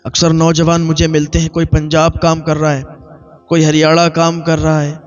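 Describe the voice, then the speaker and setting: High-voiced man giving an emotional sermon. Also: monotone. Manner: storytelling, repetitive, emotive. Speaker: preacher. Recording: dull lo-fi with faint music.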